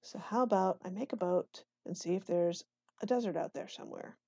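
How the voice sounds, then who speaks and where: A woman co-hosting a casual gameplay session, easygoing and quick to laugh along. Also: lowish voice, expressive, vocal fry, dull audio. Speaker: co-host player. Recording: faint background noise.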